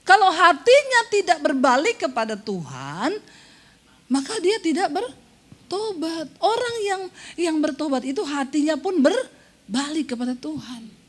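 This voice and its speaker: A woman pastor with a high voice preaches a lively sermon. She teases her listeners and acts out the voices she quotes. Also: unhurried. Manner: playful, teasing the congregation, acts out quoted voices.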